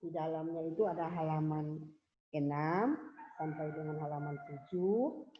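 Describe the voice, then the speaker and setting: A woman teaching young pupils in a recorded lesson, explaining patiently, repeating herself and pausing with fillers. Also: deep voice, slight background noise. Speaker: religious school teacher. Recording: dull lo-fi home video audio.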